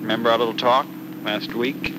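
An actor playing an eager, romantic young suitor in an old radio serial, earnest and lightly joking. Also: male voice, mid-range voice, steady tone, brisk, close to an everyday voice. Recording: noisy old radio recording.

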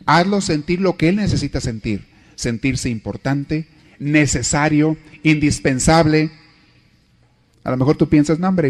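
Guy teaching a marriage class, jokes a lot, acts out little scenes, kinda high voice for a man. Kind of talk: lively lecture.

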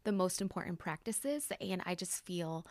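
Podcast host, woman, affirming and encouraging, with a gravelly edge and a dry sound. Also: fairly low pitch, animated, moderate pace, no echo. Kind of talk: casual conversation.

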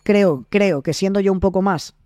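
A young Spanish actor with a Spain Spanish accent talks about his work as a podcast guest, chatting casually and acting out quoted dialogues. His voice is high and mellow, at normal speed, in a dry, clean studio recording.

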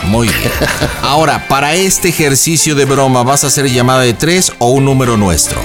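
A man's voice: mid-range voice, moderate pace, over music. A man hosting a radio prank show, teasing and playful. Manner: playful, teasing, goes loud when playing the rowdy lover. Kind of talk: radio prank call banter.

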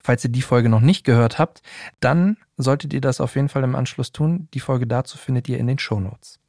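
A man's voice: medium pitch, brisk, a little mellow, no room sound, clean studio sound. A man hosting a podcast, chatting in a friendly way and speaking straight to his listeners. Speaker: podcast host. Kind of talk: casual podcast interview.

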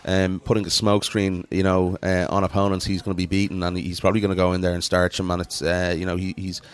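Fast-talking, low-voiced man. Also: flat delivery, clean tone. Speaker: podcast co-host and MMA pundit. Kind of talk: casual sports discussion.

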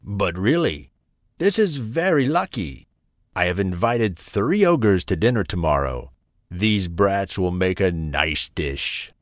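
Guy doing a hungry ogre, slooow drawl, menacing, swoopy pitch, dry sound. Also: very animated, takes it slowly, no room sound, heavily acted.

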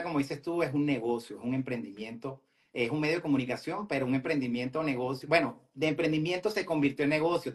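A man speaking earnestly as a guest in a live interview, steady and motivational. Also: mid-range voice. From Venezuela. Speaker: guest entrepreneur.

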